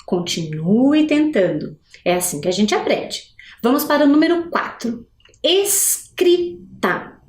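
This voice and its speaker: A lively woman teacher with a fairly high voice records a video lesson for adult learners in an echoey room. She pronounces example words slowly and drawn out, poses questions to the viewers, and often says "né?".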